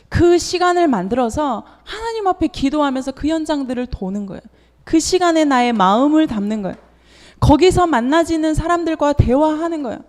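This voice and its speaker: A woman's voice: high voice, a little mellow, big-room sound. A woman preacher giving an afternoon sermon in a church, retelling a story with rhetorical questions.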